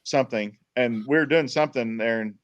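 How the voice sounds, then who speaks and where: A man's voice: mid-range voice, a little fast, smooth, no room sound, muffled recording. A man guest on a podcast, telling long casual stories, repeating words and retelling what people said. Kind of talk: casual storytelling.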